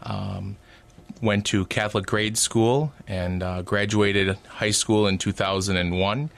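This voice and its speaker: A man's voice: lowish voice, fairly even intonation, slow, creaky. A man in his late twenties from Wisconsin, a seminarian guest on a radio show, speaking hesitantly with many fillers. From Wisconsin, USA.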